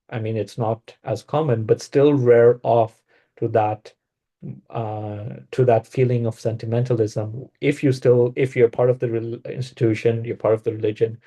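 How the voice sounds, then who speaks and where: Dark-voiced man explaining with fillers. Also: mid-range voice. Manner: hesitant, restarts with fillers. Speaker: discussion presenter. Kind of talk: casual spiritual discussion.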